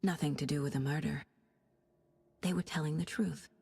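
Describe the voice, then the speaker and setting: Brief: composed female FBI agent in a video game, measured and calm, lowish voice. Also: background noise. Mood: musing. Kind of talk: video game dialogue and inner monologue.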